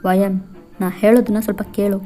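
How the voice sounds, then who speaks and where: A bossy young husband with a firm, commanding manner, voiced by a woman in an audio story. The voice is warm and mellow, with faint music behind it. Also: medium pitch, steady tone, a little fast, lightly acted. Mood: teasing. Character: bossy young husband, stubborn then soothing.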